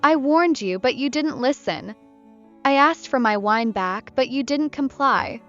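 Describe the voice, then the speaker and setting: Casting: woman reading as a chatty, bitter young woman, higher pitch, muffled with soft music behind. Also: animated, measured pace. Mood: tipsy bitter. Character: talkative young woman camper, heartbroken, tipsy.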